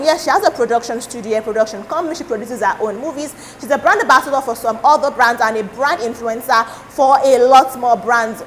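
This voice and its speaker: A woman with a Nigerian accent hosting a casual celebrity gossip show in a studio, chatty and animated when she quotes people. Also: high voice, a little hiss or hum, low-quality recording. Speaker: host. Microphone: lapel mic.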